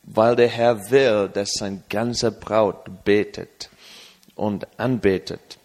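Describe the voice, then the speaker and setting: English man preaching, slow and halting. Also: lowish voice, steady tone, a little mellow. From England. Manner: hesitant in German, with many fillers and restarts; rises to an emphatic, raised preaching voice in English. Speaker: guest preacher. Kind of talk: sermon with live interpreter.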